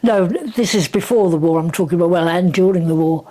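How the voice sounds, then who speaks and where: A woman's voice: fairly low pitch, fairly quick, dark tone. A very old woman in her nineties with a southern English accent, reminiscing chattily and wryly in casual conversation. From southern England. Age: 90s, very old woman. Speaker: interviewee.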